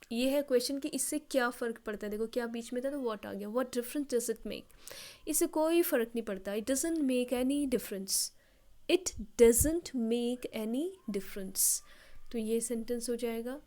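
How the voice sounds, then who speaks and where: A woman teaching English, explaining phrases and dictating example sentences slowly. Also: on the high side, warm tone. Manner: explanatory, addresses students directly. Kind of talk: bilingual classroom-style lesson.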